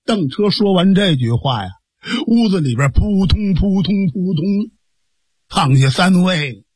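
A male storyteller, narrating a traditional tale in pingshu style. His delivery is lively and dramatic, the voice high and husky, heard close in a dry, unechoing sound. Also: a little slow, dry recording.

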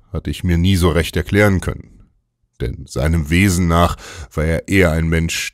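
A man narrating a literary audiobook in a measured, even storytelling manner. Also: sits low, no echo, clean studio sound.

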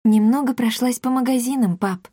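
A woman voicing a curious, stubborn young daughter with light, bright chatter. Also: fairly high pitch, moderate pace, breathy edge, no room sound, clean studio sound, voice pushed up.

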